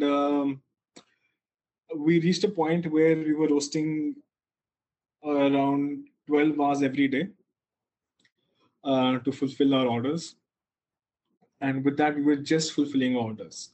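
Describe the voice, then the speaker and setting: A man's voice: medium pitch, darkish tone, poor audio. A man with a North Indian accent talking casually as an interview guest, telling things in a reflective, hesitant way. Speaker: guest, coffee roaster.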